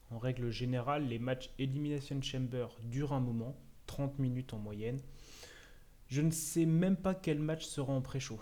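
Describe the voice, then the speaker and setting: Sardonic French man with a mellow voice. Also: mid-range voice. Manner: sardonic, opinionated asides. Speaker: wrestling video host. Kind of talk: scripted prediction monologue.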